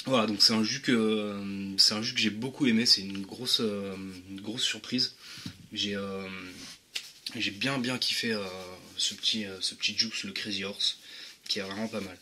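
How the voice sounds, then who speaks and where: Slangy, halting man with a bright voice. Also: on the low side, fairly even intonation, slight background noise. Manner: casual and slangy, halting with many restarts. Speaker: vape juice reviewer. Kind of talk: casual product review vlog.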